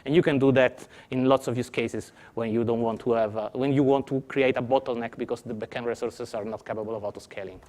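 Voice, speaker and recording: A man's voice: medium pitch, steady tone, fast talker, hardly any pauses, darkish tone. A man with an Italian accent answering audience questions as a conference presenter, explaining patiently with some restarts. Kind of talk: technical Q&A answers.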